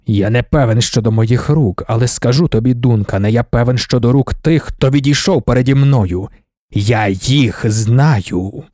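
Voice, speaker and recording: A man reading the part of an ancient godlike male emperor, calm and cryptic, with a slow, weighty delivery. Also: medium pitch, no echo, studio quality, natural voice. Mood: measured.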